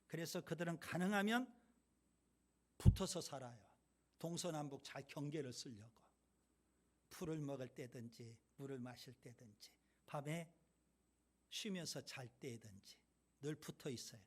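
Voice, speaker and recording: A man's voice: fairly high pitch, normal speed, pauses often. A male pastor giving a sermon, reading scripture emphatically and telling stories.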